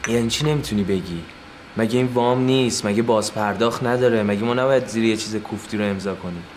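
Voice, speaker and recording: An actor playing an angry, suspicious factory owner who confronts people head-on. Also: male voice, on the low side, slight background noise, natural voice. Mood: irritated. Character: hot-tempered factory owner, suspicious brother.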